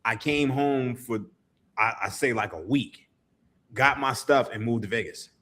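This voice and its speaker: On a podcast, this Philadelphia sports writer in his thirties swaps stories casually, laughing a lot and cursing without restraint. His mid-range voice is unhurried and a bit bright.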